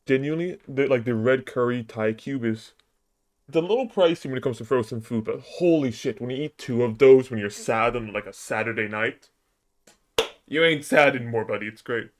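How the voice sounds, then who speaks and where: A male streamer chatting live with his viewers. He rambles and keeps correcting himself. His mid-range voice grows lively and excitable. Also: mid-range voice, moderate pace.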